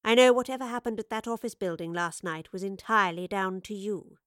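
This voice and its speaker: A woman's voice: medium pitch, a bit bright, dry recording, clean studio sound, natural voice. A woman doing a stern, unflinching professor. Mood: cold. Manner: cool, clipped and measured.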